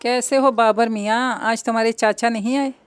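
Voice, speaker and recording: A woman's voice: a little high, fairly even intonation, moderate pace, clear, resonant tone, no room sound, soft background music, close to an everyday voice. A woman voicing a sly grown man who teases and wheedles. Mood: wheedling.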